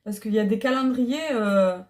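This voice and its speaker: A woman's voice: on the high side, moderate pace, darkish tone. A middle-aged woman chatting casually on a clip-on mic, hesitant with many fillers. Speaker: vlogger. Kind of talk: casual unboxing chat. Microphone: clip-on lapel mic.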